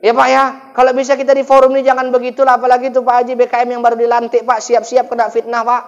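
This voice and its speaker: A man preaching at a mosque gathering, telling a humorous story in a lively, animated way and often calling out to his listeners. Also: very high-pitched, very fast, lo-fi sound. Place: mosque gathering after dawn prayer.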